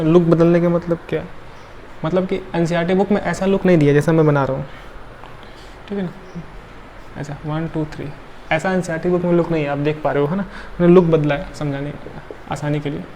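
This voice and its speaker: A tired man teaches chemistry in a fairly high voice. He works step by step, counting aloud and checking in with the class often. A faint hiss sits under the recording. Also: darkish tone. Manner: counts atoms aloud, frequent checking tags. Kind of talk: classroom lecture.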